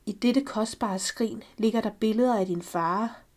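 A woman reading the lines of a widowed older mother who gently and solemnly confesses a family secret. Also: a little high, lightly acted. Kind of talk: reading a story aloud.

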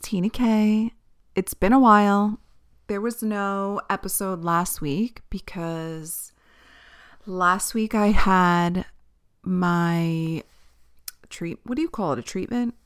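A woman's voice: medium pitch, slow pace, long pauses, clear, resonant tone. A woman hosting a podcast solo, chatting casually in a rambling, candid way with the odd swear word. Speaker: podcast host.

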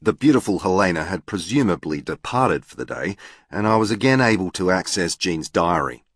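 A man narrating a novel in the first person, precise, formal and deadpan. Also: sits low, brisk, dry recording, studio quality. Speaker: audiobook narrator.

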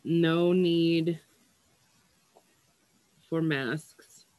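A woman's voice: deep voice, steady tone, very slow, a little mellow, no room sound. A woman healer giving a casual oracle card reading to her viewers, blunt and profane, yawning and sighing, stumbling over words as she reads the card text. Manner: blunt and profane, with frequent yawns and sighs.

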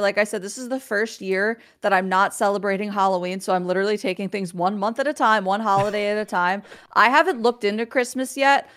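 A woman's voice: mid-range voice, a bit bright. A woman speaking over a video call as guest on a faith livestream, talking in an earnest, candid way with many fillers and reading scripture aloud. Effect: heard over a video call connection.

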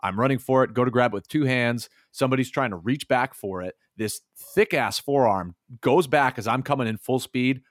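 A man's voice: mid-range voice, normal speed, hardly any pauses, no echo, studio quality. A man co-hosting a podcast in casual chat, telling stories in a joking, mock-dramatic way. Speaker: podcast co-host.

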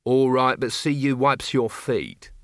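A man's voice: medium pitch, fairly bright tone, no room sound, studio quality. A man voicing a short, no-nonsense older woman who answers curtly and reproachfully. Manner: curt, reproachful, slow.

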